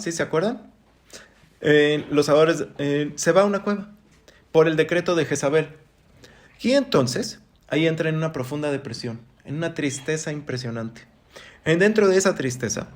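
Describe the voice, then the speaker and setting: Animated preacher man. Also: fairly high pitch. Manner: animated, big swings between loud and hushed, sound-effect interjections. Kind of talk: sermon teaching.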